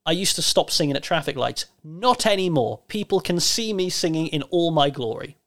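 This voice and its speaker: A man's voice: on the high side, expressive, normal speed, fairly bright tone. A man in his thirties with a Cornish accent, co-hosting a podcast in casual chat with a playful, mock-formal teasing manner. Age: 30s. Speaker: podcast co-host.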